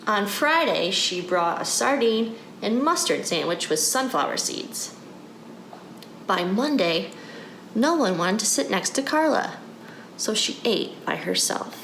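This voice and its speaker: A children's story reader, animated and gravelly-voiced, reads a picture book aloud at a measured pace in a mid-range voice, guiding the kids and putting questions straight to them. The sound is roomy, in an echoey room with noise in the background.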